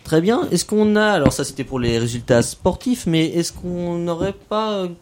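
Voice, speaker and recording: A man hosting a casual local radio show, playful and self-mocking, gently drawing out the young guests. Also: high voice, moderate pace, background noise. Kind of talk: casual radio chat with children.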